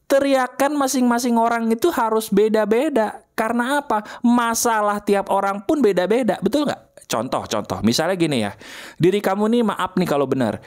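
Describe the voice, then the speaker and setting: Lively male motivational coach. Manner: coaxing, repeatedly checks the listener is ready; lively, swinging pitch. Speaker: motivational speaker.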